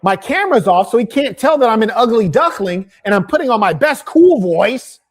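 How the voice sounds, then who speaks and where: A man's voice: high voice, big pitch swings, a little fast, pitched above the performer's own voice. A man putting on the mocking inner voice of a nervous young man who is trying to sound cool.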